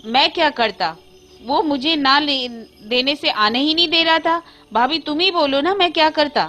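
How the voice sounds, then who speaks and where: A woman's voice: high voice, moderate pace, sharp tone, soft background music, pitched above the performer's own voice. A woman voicing an irritated, skeptical grown man who protests in exasperation, in a Hindi storybook tale. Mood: annoyed.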